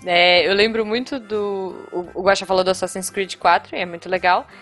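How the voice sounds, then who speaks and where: This is a young adult woman with a Brazilian accent, speaking at a mid pitch in relaxed, conversational chat. She is eager and talkative, full of slang and little fillers. Soft background music plays faintly under her voice. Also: fairly quick. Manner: enthusiastic, chatty, peppered with fillers and slang. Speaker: podcast co-host. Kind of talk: casual chat.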